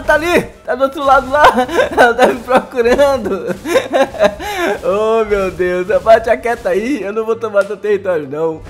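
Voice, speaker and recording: A Brazilian man with a very high voice gives casual commentary over his own gameplay. He is excitable, often breaks into laughter and keeps calling out to his viewers. Faint game music plays underneath. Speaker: gaming YouTuber.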